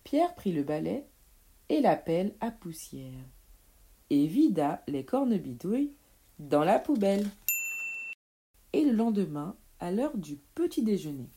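A woman reading a children's picture book aloud in a gentle, expressive way. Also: on the low side, a little slow, pauses often. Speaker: storyteller.

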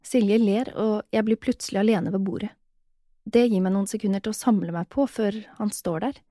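A woman narrates an erotic audio story in a soft, intimate manner, now and then slipping into a whisper. Her tone is mellow and warm rather than bright. The recording is dry and close, with no room sound. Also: mid-range voice, steady tone, dry recording.

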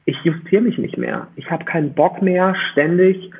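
On a muffled, band-limited line that sounds like a phone, a podcast guest explains his opinions in a conversational interview. His high voice has a breathy edge and moves at normal speed as he argues emphatically and articulately, posing rhetorical questions.

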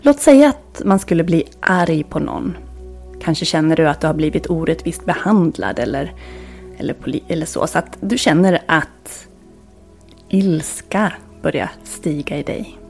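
A woman hosting a wellness podcast, talking in a calm, reflective, instructive way that sometimes drops to near-whispers. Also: low voice, gravelly, soft background music. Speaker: podcast host and wellness coach.

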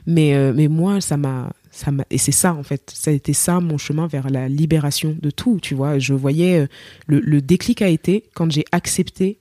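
A young woman from Cameroon, a singer, chatting as a podcast guest and telling her story with lively acted-out quotes and many fillers. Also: low voice, normal speed, no room sound, clean studio sound. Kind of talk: casual interview chat.

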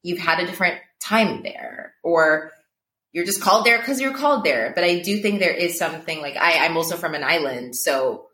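A woman's voice: on the low side, animated, moderate pace, sharp tone, echoey room. A woman who works as a coach, talking casually and reflectively, often laughing and filling with "like". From Portugal. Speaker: coach, interview guest. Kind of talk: casual conversation.

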